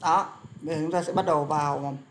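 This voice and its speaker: A young man speaks quickly, his voice fairly high and steady, as he teaches an English lesson. He explains pronunciation and drills words aloud, using lots of fillers. Faint background noise and clicks are audible.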